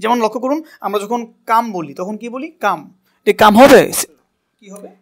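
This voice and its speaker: A man's voice: sits high, moderate pace. A man teaching a spoken English class, asking a student to repeat words and correcting how they are said. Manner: coaching pronunciation, asks and repeats words.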